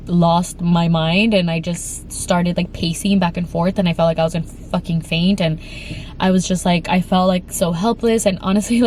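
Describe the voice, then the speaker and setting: Telling a frightening story for her emotional storytime vlog, a congested young woman rambles, often restarting and using many fillers. Her voice is lowish and a little mellow, with a little hiss or hum in the recording.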